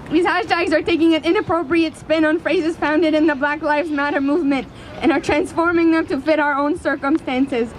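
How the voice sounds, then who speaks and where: A woman giving a prepared speech as an activist at a rally, speaking in an earnest, impassioned, deliberate way. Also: high-pitched, poor audio. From Canada. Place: outdoors in a city square. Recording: outdoor public square with city traffic noise.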